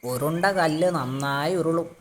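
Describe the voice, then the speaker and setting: A man's voice: a little high, a little slow, slight background noise, natural voice. A man voicing a clever male cartoon animal trickster who talks in an instructive, self-assured manner. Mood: knowing, instructive. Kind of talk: cartoon voice acting.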